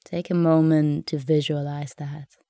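A woman guiding a meditation in a soft, soothing, unhurried way, leaving long pauses between phrases. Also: deep voice, little pitch movement, dry recording, studio quality. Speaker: meditation guide. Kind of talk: guided meditation narration.

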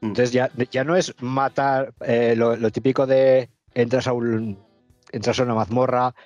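A man's voice: mid-range voice, little pitch movement, measured pace, darkish tone, no room sound, dull audio. Male host, thinks aloud with restarts, dry close sound, faint music behind. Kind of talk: casual podcast chat.

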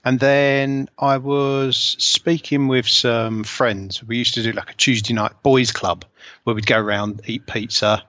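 As a guest in a casual interview, this Essex man in his forties, a scale model hobbyist, tells his life story with self-deprecating humor and a local accent. He has a mid-range voice with fairly even intonation, a measured pace, and a bright, forceful tone, recorded dry yet slightly dull and lo-fi.

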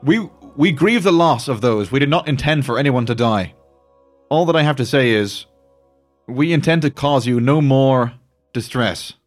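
A man's voice: medium pitch, animated, normal speed, natural voice. A man voicing a polite, slyly diplomatic dwarf rogue in a tabletop game, hedging as he talks. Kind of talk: tabletop role-play. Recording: music behind the voice.

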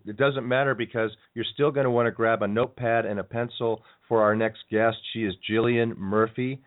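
A male radio host chats with his guest in a friendly, conversational way. He is losing his voice and sounds a little hoarse. His voice comes through a tinny, phone-like line. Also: medium pitch, steady tone, a little fast. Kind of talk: radio interview.

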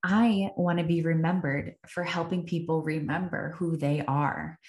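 A woman's voice: low-pitched, steady tone, unhurried, darkish tone. A woman hosting a podcast, telling a personal story in an earnest, reflective way and repeating phrases for emphasis. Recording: echoey room.

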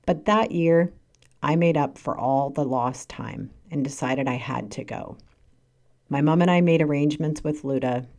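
Canadian woman in her 40s, low mellow voice, earnest measured read. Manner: earnest, measured reading with emphatic stresses. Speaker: podcast host. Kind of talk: scripted personal monologue.

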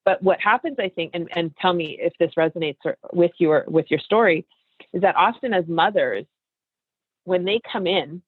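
A woman's voice: fairly low pitch, normal speed, breathy edge, dry recording. A woman in her fifties hosting an interview chat, talking in an emphatic, coaching way and speaking straight to her listeners. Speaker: podcast host and coach. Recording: tinny phone-like line, dry.

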